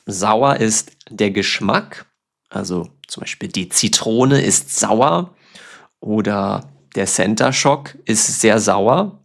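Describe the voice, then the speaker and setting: A man's voice: on the low side, lively intonation, takes it slowly, vocal fry, a bit bright. A man from Germany hosting a language podcast, explaining words patiently with simple examples. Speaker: German teacher, podcast host. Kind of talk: slow, clear teaching talk.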